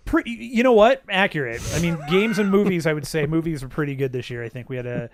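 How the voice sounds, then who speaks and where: A man's voice: fairly high pitch, expressive, fast talker, slight background noise. A man co-hosting a podcast in casual chat, wry and sighing, often stammering over repeated words. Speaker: podcast co-host.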